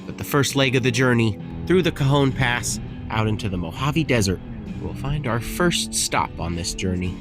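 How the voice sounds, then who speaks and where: A young man narrating his road trip as a travel vlogger, chatty and relaxed, easily impressed by what he finds. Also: medium pitch, normal speed, over music. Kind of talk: casual travel vlog narration. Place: desert campsite and caves outdoors.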